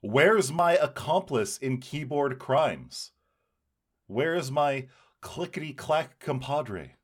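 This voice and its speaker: Playful male podcast host, very animated delivery. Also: medium pitch, takes it slowly, breathy edge. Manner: playful, wordy mock-dramatic phrasing. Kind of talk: casual podcast chat.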